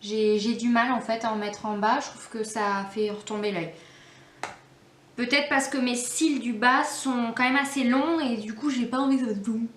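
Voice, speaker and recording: A woman's voice: a little high, fairly even intonation, normal speed, slight background noise. A woman giving a casual makeup tutorial, chatty and hesitant, with many fillers. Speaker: beauty vlogger. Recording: echoey room, faint background music.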